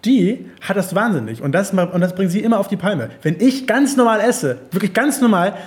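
A man's voice: sits high, expressive, a little fast. A man chatting casually on a podcast, rambling with restarts and frequent laughs. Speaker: podcast host.

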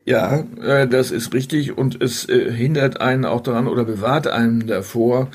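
Man, husky voice, thoughtful, measured podcast talk, hesitant pauses. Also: mid-range voice. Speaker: podcast guest. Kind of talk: reflective conversational podcast talk.

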